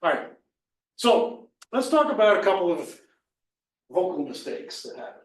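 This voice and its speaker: A man's voice: high-pitched, big pitch swings, normal speed. A man with a somewhat raised voice runs a presentation skills workshop in a loose, chatty way. He is picked up from a distance in an echoey room. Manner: chatty, loose, many fillers and restarts. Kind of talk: casual live workshop talk.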